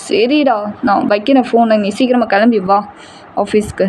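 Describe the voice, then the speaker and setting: A woman's voice: on the high side, normal speed, darkish tone, a little hiss or hum, lightly acted. A woman voicing an anxious young man, a loyal friend, who talks in a worried, pleading way.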